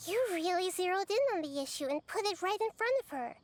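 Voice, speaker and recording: A woman voicing a small, chatty, excitable female fairy companion in a video game. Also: extremely high pitch, brisk. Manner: bubbly, excitable, speaks of herself by name.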